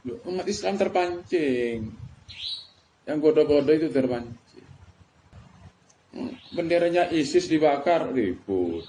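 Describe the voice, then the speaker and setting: Slow, emphatic preacher man. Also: fairly high pitch, expressive, warm tone. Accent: Madurese-Javanese Indonesian. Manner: emphatic, rhetorical questions, mixes colloquial words. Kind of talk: religious lecture. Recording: faint background noise.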